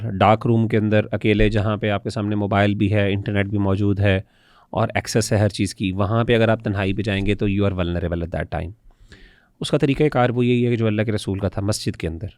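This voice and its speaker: A man's voice: on the low side, normal speed, a little mellow, dry recording, studio quality. A man in a casual podcast discussion, talking earnestly and with animation, often using devout religious phrases.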